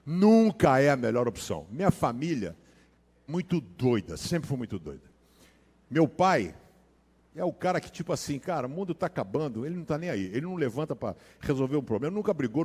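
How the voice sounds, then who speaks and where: A Brazilian man preaches in a casual, slang-filled way, dropping to hushed asides and then rising into loud, dramatic storytelling. His voice sits fairly high for a man. Long reverb from a large hall trails after his words. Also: breathy edge. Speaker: pastor. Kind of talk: sermon with personal storytelling.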